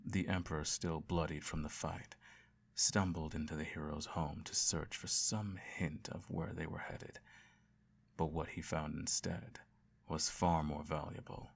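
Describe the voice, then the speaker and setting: A man performs an evil emperor in bedtime audio, his very deep voice rough with gravelly creak and his pitch barely moving. The exaggerated delivery to a child is grand and measured, both self-righteously doting and quietly menacing, set in a solemn storytelling mood.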